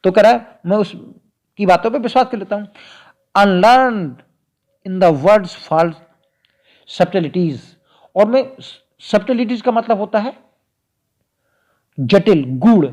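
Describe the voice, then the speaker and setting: A man teaching literature, explaining a poem point by point and repeating key ideas, drawing out the English lines slowly. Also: high-pitched, animated, a little mellow. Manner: slow, stretches out quoted English lines.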